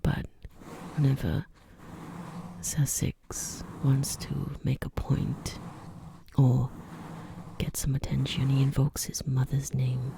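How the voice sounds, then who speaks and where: An ASMR creator giving an opinionated ramble in a soft, breathy whisper, repeating words and phrases deliberately. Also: medium pitch, monotone.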